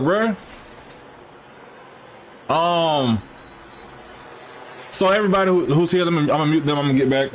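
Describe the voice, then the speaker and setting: A man hosting a live stream, talking casually and straight to his chat. His delivery rambles, with frequent restarts and easy slang. His voice sits at an ordinary middle pitch for a man. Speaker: livestream host.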